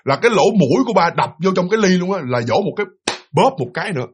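Fast, lively man. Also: high voice, slight background noise. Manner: animated, repetitive, conversational. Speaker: storyteller. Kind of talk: casual spoken ghost story.

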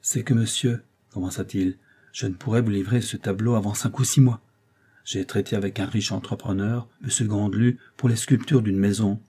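A man's voice: on the low side, fairly even intonation, normal speed, mellow, husky. A man reading the lines of a proud, touchy young painter in an audiobook, tense and defensive. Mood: hesitant.

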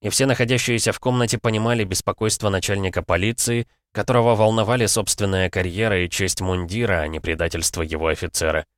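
A man narrating an audiobook in a calm, even reading. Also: fairly low pitch, fast talker, hardly any pauses, no room sound, clean studio sound. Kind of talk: scripted narration.

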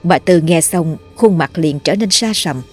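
Low-voiced woman narrating horror. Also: measured pace. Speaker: storyteller. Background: faint music.

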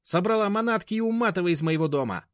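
A man voicing a feisty, sharp-tongued older grandmother who scolds scornfully and bossily. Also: sits high, sing-song, a little fast, no echo, studio quality, voice pushed up. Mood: scolding.

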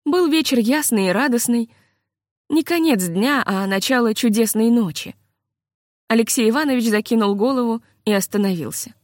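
A woman reading a literary story aloud in a measured, expressive way. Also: on the high side, no echo, studio quality. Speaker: audiobook narrator.

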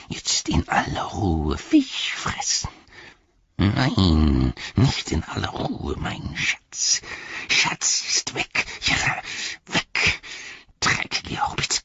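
A man voicing a hissing, spiteful creature in an audiobook, whispering and jumping to squeaky high notes. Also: vocal fry, pushed and bright, breathy edge, no echo, muffled recording, full character voice. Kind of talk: audiobook character voice.

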